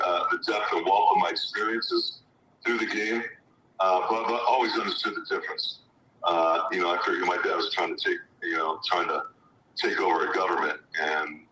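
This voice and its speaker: A middle-aged man, a former football player and coach, answering thoughtfully with hesitant restarts over a video call. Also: low-pitched. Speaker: guest, former pro football player and high school football coach. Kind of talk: reflective interview answers. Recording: echoey distant mic with background noise.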